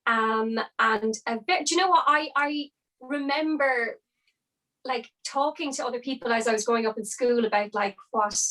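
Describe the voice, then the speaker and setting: Chatty Irish Midlands woman, higher-pitched voice. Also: moderate pace, pushed and bright, poor audio. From Longford, Irish Midlands. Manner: chatty, uses "like" and "you know". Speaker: podcast guest, opera soprano. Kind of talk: casual conversational interview.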